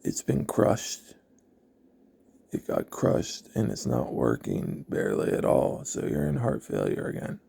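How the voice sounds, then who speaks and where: A man recounts his own story in a slow, halting way, pausing often to collect himself. His voice is gravelly and husky, mellow in tone, and swings widely in pitch. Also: huge pitch swings. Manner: halting, reflective, many pauses. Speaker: vlogger. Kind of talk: personal storytelling.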